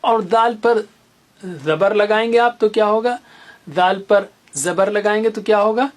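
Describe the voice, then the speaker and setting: A patient teacher leads a beginner's tajweed lesson at an unhurried, deliberate pace. Each letter sound is drawn out and repeated several times. Short memory stories help explain the shapes of the letters. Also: mid-range voice. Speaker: Quran teacher.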